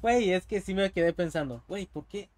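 A young man with a Mexican accent, streaming a game live and commenting in an excitable, swearing, casual way. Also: high-pitched, brisk. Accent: Mexican Spanish. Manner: excitable, swears a lot, yells when stuck.

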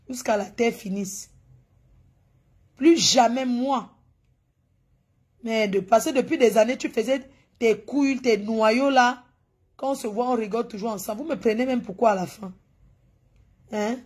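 Husky woman scolding and mocking. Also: fairly high pitch, a little mellow. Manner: scolding, teasing, talks straight at the person on screen. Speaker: gossip channel host. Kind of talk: mocking commentary over a video.

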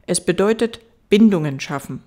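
A woman voicing a gentle, wise fox in an audiobook, earnest and patient as it explains. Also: on the low side, lively intonation, moderate pace.

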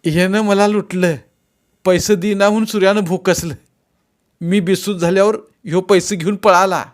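A man's voice: high voice, steady tone, normal speed, pitched above the performer's own voice, natural voice. A man voicing an injured village man who deferentially accuses his attacker in a read-aloud story. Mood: accusing. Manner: earnest, rustic, answering deferentially. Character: injured male village robbery victim, accusing.

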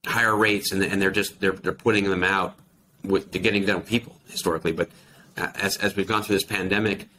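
This American man in his forties has a low, sharp voice with fairly even intonation and a fairly quick delivery. As an account manager guesting on a video call, he explains things casually, building his thoughts on the fly, and the poor audio from his computer mic in a small, plain office carries clear background noise.

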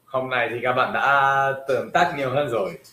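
A man teaching a livestream lesson in a roomy space with an audible echo. His pitch sits in a middle range. He hesitates with many fillers as he moves between Vietnamese and English. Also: normal speed, bright, forceful tone. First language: French. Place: livestream room.

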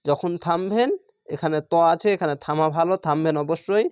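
A man's voice: a little high, moderate pace, clean tone, no room sound, studio quality. A man teaching Quran recitation, spelling words out syllable by syllable with a Bangladeshi Bengali accent and drawing out the chanted words.

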